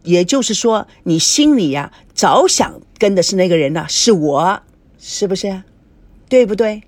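A woman's voice: medium pitch, lively intonation, measured pace, darkish tone, no room sound. A woman voicing a playful, jealous old grandfather who keeps pressing his point. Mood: teasing. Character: older grandfather, teasing and jealous.

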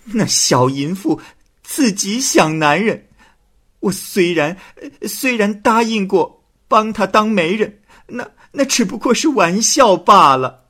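A sly, shrill village woman, voiced by a male storyteller, wails and stammers in a much raised pitch. Her cries are husky and bright with a wide, swinging melody. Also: expressive, slow pace, exaggerated voice. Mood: wailing. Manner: shrill wailing protests, stammering.

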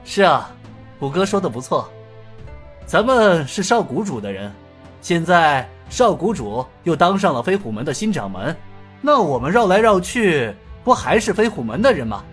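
A rough, jovial sworn brother of the martial world, as a man acts him out, brash and chuckling. His voice sits high and bounces lively, with soft music behind. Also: normal speed. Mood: hearty.

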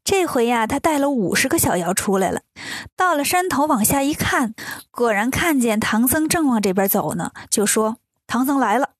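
A woman tells a children's story in a lively, homely, chatty style. Her voice sits fairly high. The recording is close and dry, with no room sound. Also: moderate pace, slightly rough, no echo.

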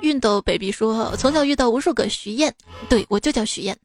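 A woman's voice: on the high side, brisk. A woman hosting casually, reading out listener comments with informal, playful asides. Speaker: host of a comic listener-stories show. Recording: music playing behind the voice. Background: music.

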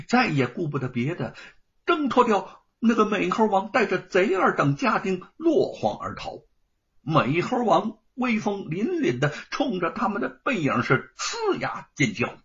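A man narrating a story in an animated, dramatic storytelling manner. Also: sits high, measured pace, husky. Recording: dull lo-fi recording.

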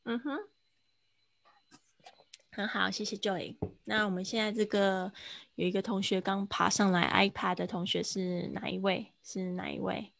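Gravelly-voiced woman teaching English online. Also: medium pitch, level tone, moderate pace, long pauses, fairly bright tone. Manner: patient, coaching pronunciation with laughs. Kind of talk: online live English lesson. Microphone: computer mic on a video call.

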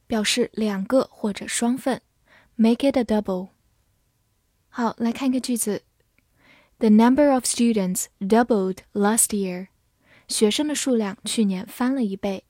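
A woman teaching English vocabulary in Mandarin, spelling each word out letter by letter and reading the example sentences slowly and carefully. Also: mid-range voice, darkish tone, no room sound, studio quality. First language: Mandarin Chinese. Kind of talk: scripted vocabulary lesson.

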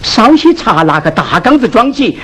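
A Sichuan opera performer playing a sharp-tongued teahouse keeper who mocks a poor scholar, scolding in a Sichuanese accent. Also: medium pitch, very animated, a crowd in the background, close to an everyday voice. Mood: teasing. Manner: scolding, teasing, drawn-out sing-song delivery. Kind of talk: Sichuan opera stage acting, spoken and sung. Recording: hissy old opera film soundtrack.

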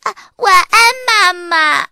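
A bratty little sister, played by a woman reading the story, high and bright, swinging wildly up and down as she piles on exaggerated doom. Her whining is breathless and over the top, recorded close and dry. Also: wildly swooping pitch, a little slow, no room sound, exaggerated voice. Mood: dramatic.

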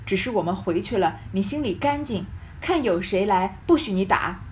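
A woman's voice: on the high side, lively intonation, moderate pace, a little mellow, a little hiss or hum, close to an everyday voice. A woman voicing a stern, grieving old grandmother who scolds her son with cold sarcasm. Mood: sarcastic.

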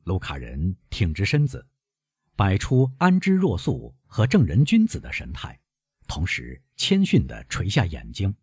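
A male audiobook narrator with a very deep, husky voice tells the story expressively. His pitch rises and falls widely, and the recording is dry and close. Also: a little mellow, dry recording. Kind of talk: scripted narration.

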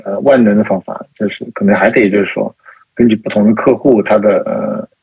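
Man, podcast guest, hesitant, lots of fillers, lower voice, dry dull recording. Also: a little fast, gravelly, breathy edge, no echo. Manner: hesitant, many fillers and restarts. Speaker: guest, type researcher. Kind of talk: casual podcast conversation. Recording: dull lo-fi sound.

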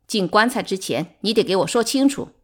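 A woman voicing a spiteful, sharp-tongued concubine who shouts insults in an audiobook. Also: mid-range voice, very animated, moderate pace. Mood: furious shouting. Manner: loud, harsh, scornful.

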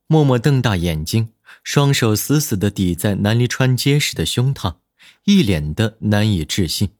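A man with a lowish voice reads a romance drama aloud with expressive, lively storytelling. His pitch rises and falls widely. The sound is dry and close, with no room around it. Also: moderate pace, no room sound. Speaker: audiobook narrator. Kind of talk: scripted dramatic narration.

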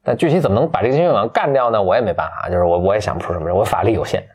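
A wise, kindly old woman from a storybook speaks reflectively, a little resigned, as a man retelling the tale quotes her. The voice stays low and close to his ordinary speech. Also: racing, darkish tone, husky.

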